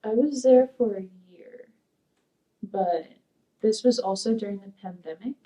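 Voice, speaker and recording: A woman's voice: mid-range voice, measured pace, mellow, far from the mic, low-quality recording. A young woman from Peru raised in Sacramento, a college student answering oral history questions in a rambling, hesitant way with many fillers. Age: young adult. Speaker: interviewee, community college student. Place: dark studio, seated.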